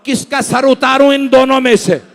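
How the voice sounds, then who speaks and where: A man delivering a Muharram majlis sermon, swinging from loud wailing cries to hushed, sobbing recitation. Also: extremely high pitch, steady tone, normal speed, creaky. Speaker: religious orator reciting a majlis.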